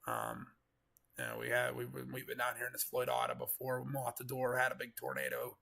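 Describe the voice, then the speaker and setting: A man with a gravelly, congested voice from getting over a cold, giving casual, rambling live storm coverage commentary. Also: medium pitch, completely flat delivery, fairly quick, sharp tone. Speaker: live weather stream host, storm chaser.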